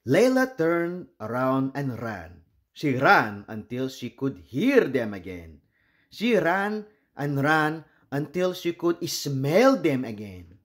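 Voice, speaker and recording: A Filipino man with a medium-pitched voice reads a children's picture book aloud, telling the story expressively and deliberately.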